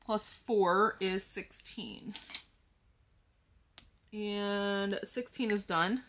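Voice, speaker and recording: A woman's voice: medium pitch, steady tone, drawn-out words, a bit bright, slight background noise. A woman vlogging about her budget, explaining each step to viewers in a casual way and counting money aloud as she goes. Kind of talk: casual talk-through to the viewers.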